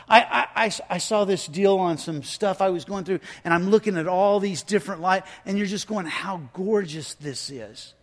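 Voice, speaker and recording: A man preaching a sermon in a slow, emphatic way, dropping his voice low for effect, with chatty asides and restarts. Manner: slow, emphatic delivery with dramatic drops in volume; conversational asides and repeated restarts. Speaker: pastor.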